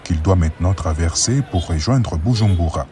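A man narrating a news report in a measured, even delivery. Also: sits low, slight background noise.

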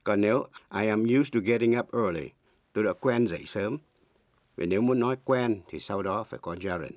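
A middle-aged man teaching English in Vietnamese, a native Vietnamese speaker who explains slowly and spells words out letter by letter. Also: lowish voice, darkish tone, no room sound. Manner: slow, deliberate, spells words letter by letter and repeats examples.

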